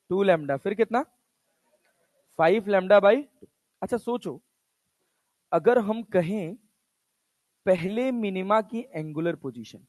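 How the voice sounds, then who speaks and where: The speaker, a male physics teacher, has a high-pitched and slightly mellow voice, captured in a dry recording. His classroom lecture is casual and chatty, in Hindi with English terms, and he keeps asking students questions only to answer them himself.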